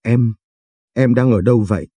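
A man's voice: mid-range voice, normal speed, dark tone, slightly rough, dry recording, natural voice. A man voicing a caring young man who is earnest and worried, talking protectively in a storybook reading. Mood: anxious, eager.

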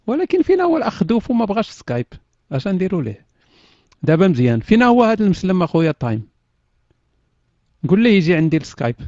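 In dull, dry lo-fi voice chat audio without room sound, a Moroccan-accented man runs a casual online chat room. His fairly high voice is a little mellow as he teases the others, laughs a lot, and mixes in French words.

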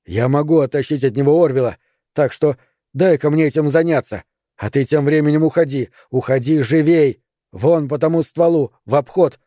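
Мужчина озвучивает властного торопливого парня. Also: male voice, on the high side, moderate pace, mellow, no room sound, clean studio sound, lightly acted. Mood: urgent. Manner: urgent, commanding. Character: urgent, bossy young man taking charge.

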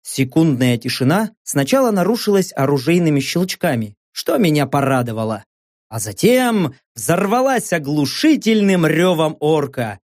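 A man reading a first-person audiobook story as its narrator, in a measured, expressive way. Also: on the high side, no room sound, studio quality.

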